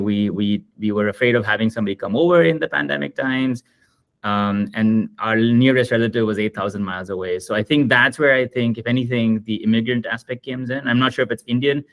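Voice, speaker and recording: Thoughtful low-voiced man on a video panel. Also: no room sound. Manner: reflective, repeats words as he thinks. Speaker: children's book author, panel guest. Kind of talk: panel discussion answer.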